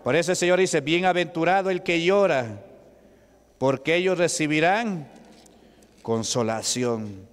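High, slow, resonant preaching man. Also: expressive, clear, resonant tone. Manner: asks the congregation rhetorical questions. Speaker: pastor. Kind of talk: Pentecostal sermon. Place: church hall. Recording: echoey church hall with long reverb.

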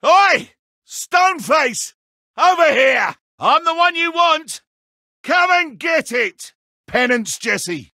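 A man playing a petulant, theatrical video game villain stripped of his godlike powers, with a raspy, strained, melodramatic delivery. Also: very high-pitched, big pitch swings, bright, forceful tone, dry recording, clean studio sound, full character voice. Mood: defiant shouting. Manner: melodramatic, drawn-out, emphatic. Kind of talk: dramatic animated game acting.

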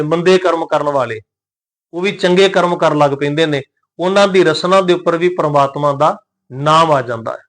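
Slow-chanting Punjabi male scripture teacher. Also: on the high side. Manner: slow measured chanting of verses, then explaining. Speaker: Gurbani pronunciation teacher. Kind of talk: scripture recitation lesson.

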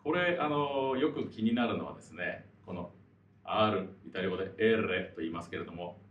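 A man's voice: low voice, lively intonation, normal speed, echoey room, recorded from a distance, muffled recording. A man teaching singing, explaining pronunciation politely with many fillers. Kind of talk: explanatory lesson.

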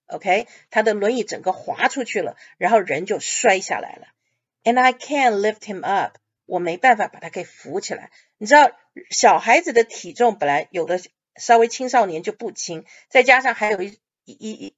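A woman teaching an English reading class, patiently explaining words and phrases and mixing English words into her talk. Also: medium pitch. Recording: dull lo-fi audio.

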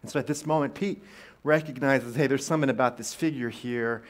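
A man pastor preaching a casual, conversational sermon in a church, telling the story with many fillers and restarts and lively emphasis at times. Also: medium pitch, brisk. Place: church sanctuary.

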